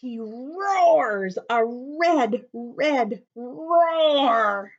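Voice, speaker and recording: Here a high, expressive female voice moves very slowly through a picture book for little ones. She explains words as she reads and occasionally slips into a whisper, all captured in lo-fi sound.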